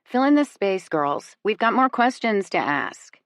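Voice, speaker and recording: A woman reading the part of a snarky, bossy teenage girl with a sharp, scornful delivery. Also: medium pitch, sing-song, measured pace, no room sound, clean studio sound, voice pushed up.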